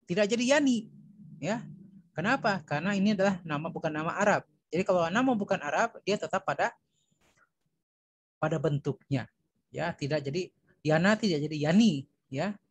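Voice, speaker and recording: An Indonesian man teaching Arabic grammar, repeating each term and filling pauses with "ya" and "nah". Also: high-pitched, lively intonation, slightly rough, no echo, low-quality recording. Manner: repeats terms, fills with "ya" and "nah". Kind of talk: recorded grammar lesson.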